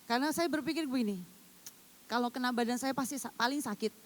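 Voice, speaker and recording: Woman evangelist preaching, high voice, middle-aged, loud then hushed storytelling. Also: quick pace. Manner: addresses the congregation as "saudara", acts out quoted voices; swings from loud emphatic lines to hushed storytelling. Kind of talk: sermon.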